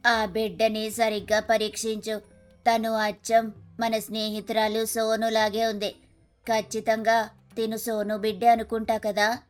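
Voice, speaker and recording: This is a kind, helpful female crow from a cartoon story, played by a woman. She talks gently and calmly, in a fairly high voice. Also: unhurried, faint music behind, lightly acted. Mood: determined.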